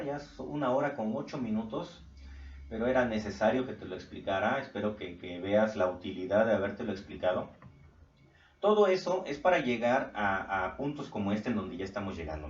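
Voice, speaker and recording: A male teacher explaining grammar in a recorded online class, patient and checking in with his students every few sentences. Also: on the low side. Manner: patient, keeps checking in with "¿sale?". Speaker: Spanish teacher. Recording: echoey room, far from mic, dull lo-fi sound.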